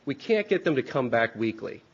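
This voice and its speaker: A man with a hoarse, congested voice gives an informal, explanatory conference presentation, often posing rhetorical questions. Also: medium pitch, very animated, moderate pace, muffled recording. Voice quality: hoarse, congested from a sinus infection. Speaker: research company president presenting at a hearing. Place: hearing room with an audience.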